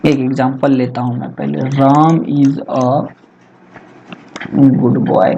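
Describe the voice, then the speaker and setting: A man tutoring students in a lesson, chatty and asking rhetorical questions, slowing down to dictate English phrases. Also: medium pitch, little pitch movement, gravelly, dark tone, dull audio, slight background noise. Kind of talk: Hindi-English exam lesson. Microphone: laptop recording.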